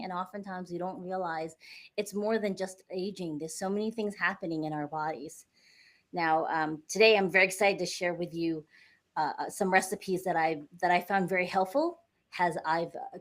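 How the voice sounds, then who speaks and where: Here a middle-aged woman from the U.S. talks casually as a podcast guest, laying out ideas one step at a time and dropping in a few fillers. She speaks at a normal pace, her pitch on the lower side and her tone steady.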